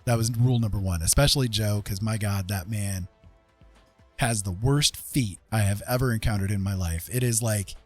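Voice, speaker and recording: With faint music playing in the background, an American livestream host casually rambles through a personal story. He's animated and repeats phrases for emphasis, speaking at a moderate pace in a voice on the low side.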